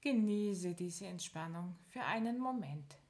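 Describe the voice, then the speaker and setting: Calm, step-by-step instructions come from a woman with a fairly low voice as she leads a progressive muscle relaxation, counting down slowly and leaving long pauses.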